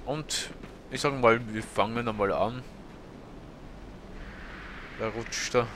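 A man's voice: medium pitch, takes it slowly, fairly bright tone, slight background noise. A man, casually commentating a video game as a let's play host, hesitant and full of fillers. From Austria. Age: 30s. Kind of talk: gameplay commentary.

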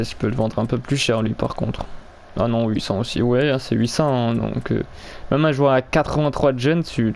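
A young gaming video creator chats casually while playing a video game, rambling, stumbling over his words and swearing now and then with crude slang. His mid-range voice is creaky and a little mellow. There is a little hiss or hum in the recording.

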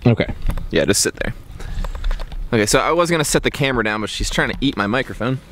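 A man's voice: medium pitch, lively intonation, quick pace, fairly bright tone. Informal young man vlogging outdoors. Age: 20s. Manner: informal, slangy. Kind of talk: casual product review to camera. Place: outdoors, backyard and woods. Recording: faint outdoor background noise.

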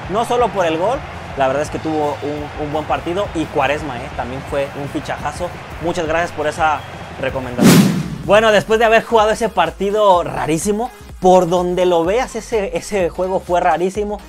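Young Mexican man, gaming commentary, high voice, shouts at goals, music bed. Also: moderate pace. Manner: excitable, swears often, yells at goals. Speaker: gaming youtuber. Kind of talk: casual video game commentary. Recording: loud music behind the voice.

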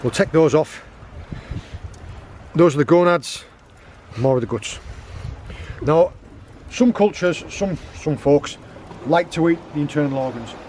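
Here a guest forager in his thirties, with a fairly high, darkish voice, speaks a little slowly and pauses often. Slight background noise surrounds him on a rocky beach as he works with his hands and gives a casual, step-by-step account of prepping seafood.

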